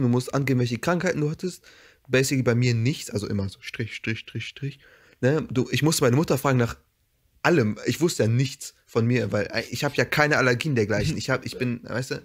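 A young man chatting on a podcast with friends. He tells his story casually, breaking into laughter and acting out what everyone said. He talks in slang and swears freely. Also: mid-range voice. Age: young adult. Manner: laughs often, acts out dialogue with swearing and slang.

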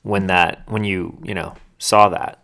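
A man hosting a podcast interview, relaxed and swearing casually. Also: low-pitched, measured pace, vocal fry. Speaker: podcast host.

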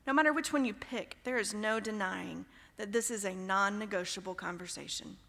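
Bright-voiced woman preaching in a reverberant hall. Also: medium pitch, normal speed, gravelly. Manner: expressive, shifts tone for emphasis. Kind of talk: sermon.

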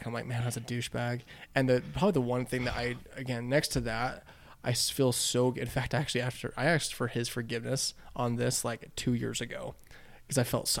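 A young man, a podcast guest, telling animated stories in casual chat, acting out quotes and laughing often. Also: mid-range voice, creaky.

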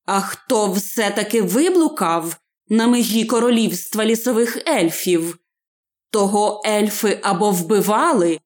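A woman narrating a fairy-tale audiobook in a deliberate storytelling manner. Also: medium pitch, darkish tone.

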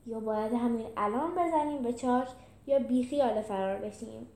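A woman's voice: fairly high pitch, warm tone, echoey room, natural voice. A woman voicing a bold, impatient young male animal hero in a children's story. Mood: muttering.

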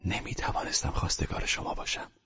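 A gentle, earnest aging doctor murmurs his confession in a hushed, near-whispered voice, as a male narrator puts him on. The voice sits very deep and husky, with a dry, dull lo-fi sound like an old audiobook. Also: no room sound. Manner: speaks softly, often in a hushed whisper.

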